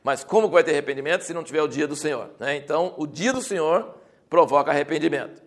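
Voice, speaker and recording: A man's voice: fairly high pitch, fast. A man teaching a Bible class in a conversational, explanatory way, often restarting his sentences and rising to emphatic stretches.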